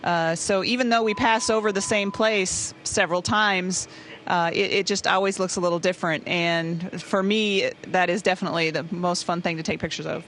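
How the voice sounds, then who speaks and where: A woman's voice: on the low side, moderate pace. Woman astronaut, casual, faint background noise. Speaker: astronaut being interviewed. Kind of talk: casual interview answers. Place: aboard a space station. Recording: faint equipment hum. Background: faint steady ambient noise.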